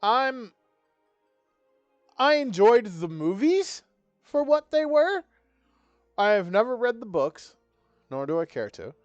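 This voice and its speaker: A man's voice: very high voice, very animated, slow, long pauses, dry recording, lo-fi sound, faint music behind. A young man streaming a game live, chatting casually in a laid-back, rambling way full of swearing. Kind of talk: casual live-stream chat while gaming.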